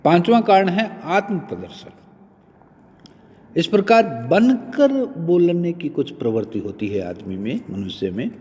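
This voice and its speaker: A man lecturing on linguistics, explaining each point with many spoken examples in a measured, teacherly way. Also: fairly high pitch, darkish tone, in a large hall. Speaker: Hindi lecturer. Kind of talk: recorded university lecture.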